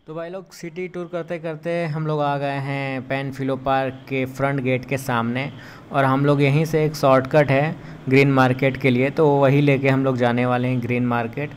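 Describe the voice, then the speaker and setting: A man's voice: mid-range voice, little pitch movement, normal speed. A young man from India chatting casually to viewers as he walks through a city market and streets, filming himself as a travel vlogger. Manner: chatty, addresses viewers as brothers. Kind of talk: casual walking-tour narration. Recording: street noise behind handheld recording.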